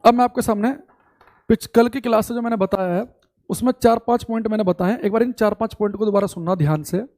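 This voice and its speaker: A man teaching a live online class with a high-pitched voice. He speaks informally, calling his students brother, and spells out definitions slowly so they can copy them. He drifts into exasperation over students' audio complaints. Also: a little mellow. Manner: addresses students as bhai, repeats key points slowly for dictation.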